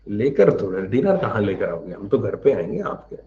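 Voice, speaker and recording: A man's voice: lowish voice, sing-song, moderate pace, narrow, tinny audio. A man teaching a live online class, answering viewers' questions in a chatty, joking way and explaining patiently.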